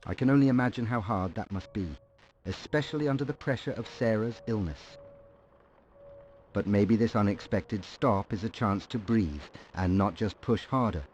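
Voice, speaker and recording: A man's voice: fairly low pitch, normal speed, a little mellow, lightly acted. A man playing a supportive, concerned friend on a phone call in a scripted drama, casual and reassuring. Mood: encouraging, caring. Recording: muffled, noisy phone-call sound.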